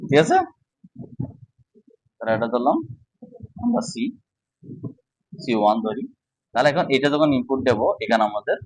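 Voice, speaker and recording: A man's voice: medium pitch, husky, no echo, rough recording. Dry-voiced male teacher. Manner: explains step by step, often checking understanding. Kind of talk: casual whiteboard lesson.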